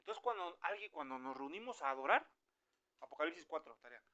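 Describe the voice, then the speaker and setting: Preaching in a relaxed, conversational style, a man with a Mexican Spanish accent grows animated as he voices the people he quotes. He speaks fairly quickly in a slightly high voice, with lo-fi sound.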